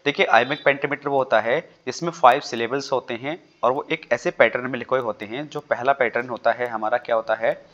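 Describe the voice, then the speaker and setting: A man's voice: medium pitch, fairly even intonation, brisk, fairly bright tone. Man teaching exam questions, lo-fi sound. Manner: explains with worked examples, often checks in with "theek hai". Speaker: English literature teacher. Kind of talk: exam-prep lesson on a YouTube channel. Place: home desk, recording over a screen with a drawing tablet.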